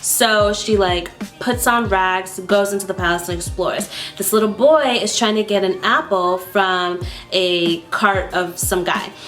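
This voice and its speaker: A woman vlogger telling a travel story to camera in a chatty, casual way, full of "like" fillers and lively re-enactments. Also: mid-range voice, a little slow, faint music behind.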